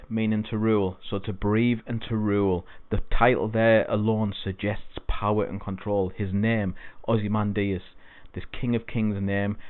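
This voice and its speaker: A man's voice: on the low side, no echo. A man teaching an exam-prep poetry lesson, explaining things patiently and repeating key points. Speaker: English tutor. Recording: dry, phone-like lo-fi sound.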